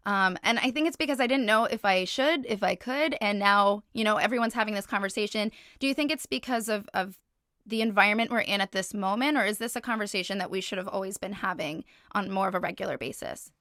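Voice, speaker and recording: A woman's voice: mid-range voice, quick pace, a bit bright, dry recording, studio quality. A woman interviewing a guest, asking earnest, carefully worded questions. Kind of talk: candid sit-down interview.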